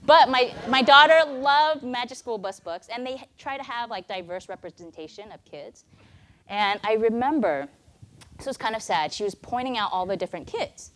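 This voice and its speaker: Speaking as a guest at a church, this American woman in her thirties, whose native language is Mandarin, tells her own story with earnest, conversational warmth. Her somewhat high voice is expressive and a bit bright, moving at a normal speed.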